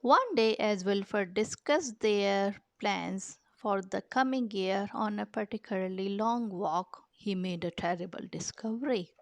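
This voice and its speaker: Female storybook narrator, unhurried and expressive, some creak in the voice, close dry sound. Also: mid-range voice, no echo. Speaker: children's picture book reader. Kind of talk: storybook read-aloud narration.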